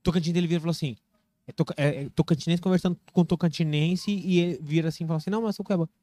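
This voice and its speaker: A man's voice: a little high, steady tone, rapid-fire, dark tone, no room sound. A man with a Brazilian accent hosting a podcast in casual banter, informal and slangy, often repeating his phrases. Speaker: podcast host.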